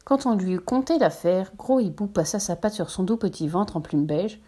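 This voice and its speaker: A woman reading a children's storybook aloud in a gentle, lively narration. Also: medium pitch, normal speed, husky.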